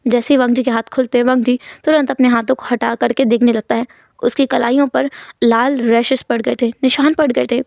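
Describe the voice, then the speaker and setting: Woman storyteller, casual chatty narration, fairly high voice, dry close sound. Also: flat delivery, a little fast, creaky, darkish tone, no room sound.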